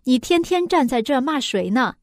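A woman's voice: high voice, lively intonation, moderate pace, no room sound. A woman reading the lines of a blunt, exasperated daughter-in-law in a story, with dry sound. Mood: annoyed. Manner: scolding, blunt.

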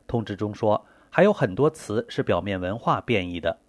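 A man reading a prepared text aloud in a measured, earnest way. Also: on the low side, animated, no room sound.

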